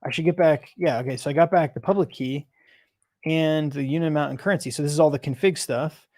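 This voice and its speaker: A software developer, a man, thinking aloud while debugging code, halting and self-questioning with many restarts. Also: on the high side, dry recording, studio quality.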